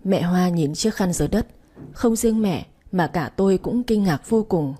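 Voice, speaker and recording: A woman's voice: on the low side, lively intonation, mellow, husky. A woman narrating a dramatic story, voicing the characters herself and speeding up for the angry lines. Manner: dramatic, quickens and rises for angry quoted lines. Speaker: audiobook narrator. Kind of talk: storytelling narration with voiced dialogue.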